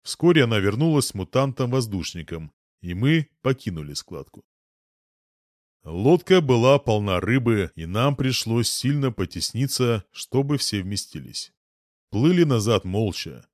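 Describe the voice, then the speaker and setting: A man's voice: mid-range voice, very animated, measured pace, a little mellow, no echo, clean studio sound. A man reading a first-person fantasy novel aloud as an audiobook narrator.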